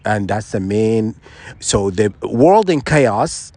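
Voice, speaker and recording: A man's voice: on the low side, animated, slow, warm tone, dry recording. A man from Sudan, giving an insistent, rambling opinion monologue full of restarts and rhetorical questions. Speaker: vlogger.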